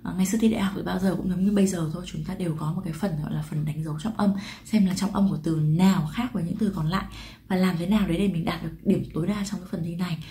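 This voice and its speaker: A woman from Vietnam talks quickly through an English pronunciation lesson. She chats to her viewers, asks them questions and answers them herself, and stretches out the example words. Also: fairly low pitch, fairly even intonation, dark tone. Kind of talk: explanatory lesson to camera.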